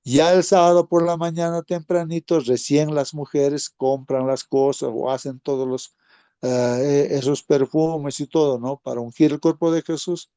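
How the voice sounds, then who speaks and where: A man's voice: a little high, steady tone, normal speed, mellow, clear, resonant tone, no room sound. A man giving an informal Sabbath School Bible lesson, speaking conversationally, often calling listeners brothers and asking tag questions.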